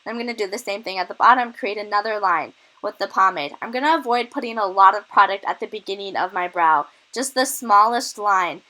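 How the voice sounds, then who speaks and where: A woman's voice: mid-range voice, fairly quick, hardly any pauses, bright, forceful tone, poor audio. A young woman with a cold, a little out of breath, chatting enthusiastically through a makeup tutorial as a beauty vlogger. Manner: chatty, enthusiastic product tips.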